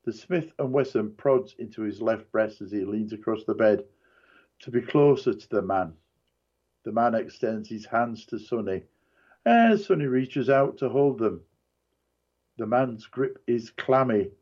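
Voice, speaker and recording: A man reading a dramatic book passage aloud in a measured, deliberate way. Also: medium pitch, expressive, darkish tone, slightly rough, muffled recording. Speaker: narrator.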